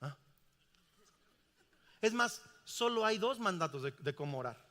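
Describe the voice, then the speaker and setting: A man's voice: sits high, animated, unhurried, sharp tone. A middle-aged man, preaching a sermon emphatically and asking the congregation questions. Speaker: pastor. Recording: reverberant church hall.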